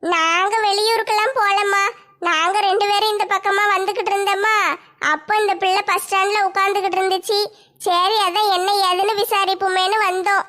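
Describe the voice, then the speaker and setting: A woman voicing a nosy middle-aged village woman, talking in a hushed way. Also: extremely high pitch, level tone, fairly quick, pitched below the performer's own voice.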